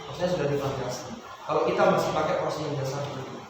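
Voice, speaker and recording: Brief: Javanese male recitation teacher, slightly high, tired voice, heard from afar in an echoey hall. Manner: explains then chants verses slowly in melodic tones. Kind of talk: Quran recitation lesson with chanted examples. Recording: echoey hall, distant mic, noisy.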